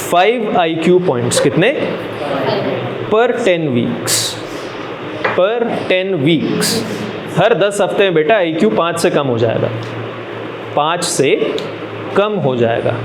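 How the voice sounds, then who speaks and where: Speaking in a fairly high pitch, a male medical college lecturer blends Hindi with English, stretching out his emphasis and going back over important terms. He tests the class with questions and addresses them as "beta," captured in a noisy lecture-room recording.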